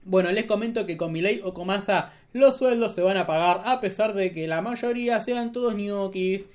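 A man's voice: sits high, normal speed, a little mellow. An Argentine man hosting a political commentary vlog, talking in a mocking, sarcastic way. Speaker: host.

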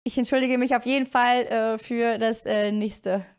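A woman streamer doing excitable, slangy livestream reaction commentary. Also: a little high, normal speed, very noisy.

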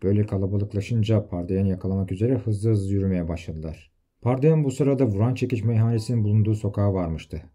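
Deep, dark-voiced male storyteller. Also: quick pace, husky. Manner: steady storytelling. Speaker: audiobook reader. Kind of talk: scripted novel narration.

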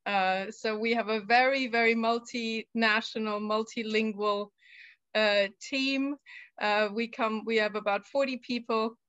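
A woman's voice: fairly high pitch, steady tone, a little slow, a bit bright, no echo, dull audio. A woman from Germany hosting a live video call as a tour guide, friendly and with frequent fillers. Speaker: UN tour guide, session host. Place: home room, indoors. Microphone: laptop video call.

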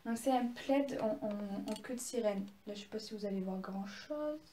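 A woman's voice: medium pitch, normal speed, mellow, echoey room. A young woman casually showing her presents, chatty and gushing, with many fillers and restarts. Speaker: vlogger. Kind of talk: casual haul video.

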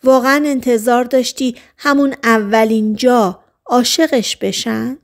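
A woman narrating a novel as an audiobook in calm, even storytelling. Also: a little high.

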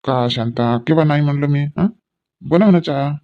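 A man's voice: a little high, moderate pace, lo-fi sound. A man playing a village husband in a comic sketch, coaxing and placating his wife. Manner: coaxing, placating, rustic banter.

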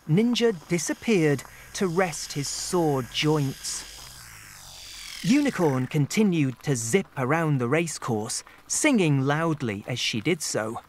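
A woman narrating a children's storybook in a gentle, expressive way. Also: low voice.

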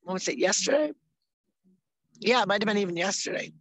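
A woman's voice: mid-range voice, lively intonation, brisk, a bit bright, no room sound, low-quality recording. Woman co-host, chatty and upbeat, casual chat, dry close sound. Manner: chatty, upbeat, loses her train of thought. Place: outdoors in the mountains.

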